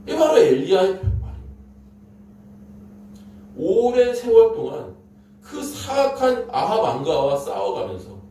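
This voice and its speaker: Preaching in Korean, a man with a high-pitched, warm voice delivers his story dramatically and emphatically, leaning on repetition. The recording has an echoey room sound, a distant mic, and a little noise.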